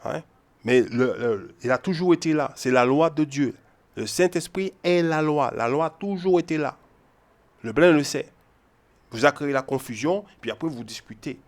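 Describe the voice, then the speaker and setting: A man with a somewhat high voice talks at a moderate pace while giving informal Bible teaching. Emphatic and repetitive, he checks in with his listeners frequently through "ok?" and "hein?"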